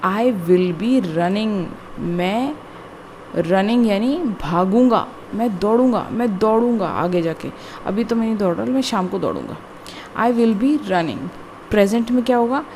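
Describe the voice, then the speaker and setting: A woman teaching a grammar lesson, explaining slowly and deliberately word by word, with frequent repetition. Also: medium pitch, a little mellow, slight background noise. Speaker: English teacher. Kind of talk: classroom-style grammar lesson.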